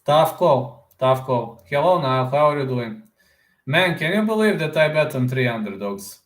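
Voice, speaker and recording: An expressive, mid-range male voice at a moderate pace belongs to a combat sports YouTuber doing casual live stream chat in an echoey room. He rambles, responds aloud to viewer comments, repeats words, and often ends on "man."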